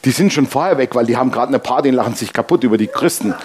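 A man preaching a sermon in a lively storytelling manner, acting out bits of dialogue. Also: medium pitch, very fast, breathy edge. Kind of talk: sermon with anecdote.

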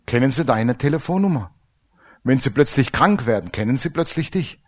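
Man, pastor, sermon, lively preaching, middle-aged. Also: mid-range voice, moderate pace. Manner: lively preaching, acts out dialogues.

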